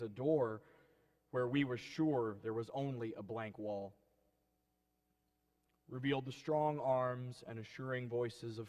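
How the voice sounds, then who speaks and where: A man reading a written meditation aloud in a solemn, deliberate, oratorical pulpit manner. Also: mid-range voice, darkish tone. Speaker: reader at a church service.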